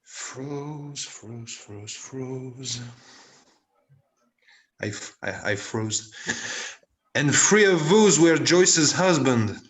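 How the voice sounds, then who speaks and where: A man's voice: on the high side, animated, moderate pace, fairly bright tone. A man reading the part of a hesitant, stammering set builder in a village drama group. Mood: wry. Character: hesitant married man who builds the sets. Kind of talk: amateur play reading. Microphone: video call.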